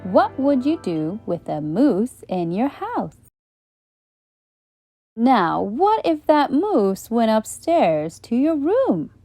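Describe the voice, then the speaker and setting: A woman hosting a children's channel, reading a bedtime story aloud in a gentle, questioning way. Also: on the high side, very animated, takes it slowly, no room sound, faint music behind. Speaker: storyteller host.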